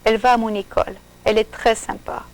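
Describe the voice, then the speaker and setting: A woman voicing Sophie, a friendly, sympathetic fourteen-year-old girl in a storybook, with a gentle manner. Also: on the high side, fairly even intonation, fast, gravelly, rough recording. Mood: kind.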